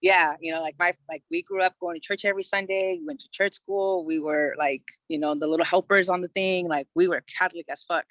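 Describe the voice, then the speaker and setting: This Californian woman in her thirties has a lowish, slightly bright voice with fairly even intonation, talking a little fast with few pauses on a dry recording. As a podcast guest she tells her own story loosely and candidly, using lots of "you know" and casual swear words.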